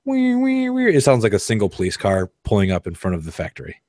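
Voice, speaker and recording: A man narrates a tabletop role-playing game as its game master. His voice sits low and sounds dry. He talks loosely, slightly tipsy, and trips over his restarts. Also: racing, a little mellow, dry recording. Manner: laughing, loose, stumbling restarts. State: tipsy from wine.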